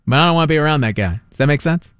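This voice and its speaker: New guy, sports radio host, high-pitched and very lively, joking banter, dry studio sound. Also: racing, smooth, no echo. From Long Island, New York. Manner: animated, joking, riffs and repeats himself. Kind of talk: casual sports talk banter.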